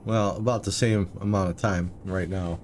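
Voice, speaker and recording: A man's voice: deep voice, moderate pace, a little hiss or hum. A man casually explaining his game to chat viewers while livestreaming, with slight hiccups. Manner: relaxed, explains as he plays, talks to viewers. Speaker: livestreaming gamer.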